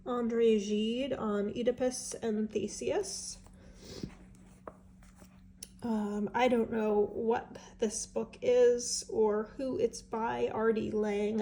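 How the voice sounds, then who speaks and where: Showing off her estate sale book haul, this stuffy-nosed vintage seller chats casually and eagerly, thinking aloud with fillers. She speaks slowly in a steady, creaky, warm voice on the high side, with a little hiss or hum.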